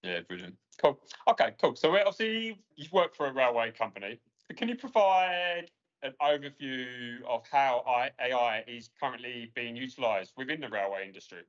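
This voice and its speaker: A man hosting a podcast interview, relaxed and sprinkling his questions with uh and um. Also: mid-range voice, moderate pace. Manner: relaxed, many uh and um fillers. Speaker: podcast host. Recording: lo-fi remote audio.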